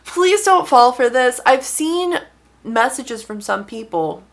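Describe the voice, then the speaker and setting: A young woman author talking casually to camera in a wry, exasperated way, with lively emphasis. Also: high voice, takes it slowly, creaky. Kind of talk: casual vlog talk to camera.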